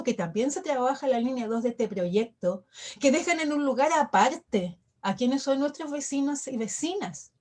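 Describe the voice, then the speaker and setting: A woman professor giving a lecture in an online talk, measured and emphatic, building her points through lists and rhetorical questions. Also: high-pitched, warm tone. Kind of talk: academic lecture, reflective.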